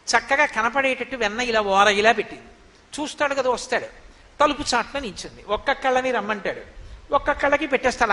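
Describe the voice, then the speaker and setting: A man giving an animated devotional discourse, telling a sacred story and chanting verses slowly. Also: extremely high pitch, long reverb tail.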